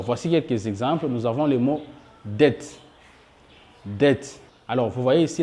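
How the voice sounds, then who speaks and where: A man gives a patient pronunciation lesson in a warm, mellow voice. He repeats each example word slowly and speaks to his viewers as friends. His pitch sits in an ordinary middle range. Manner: addresses viewers as dear friends. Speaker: English pronunciation teacher. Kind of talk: spoken lesson for French speakers.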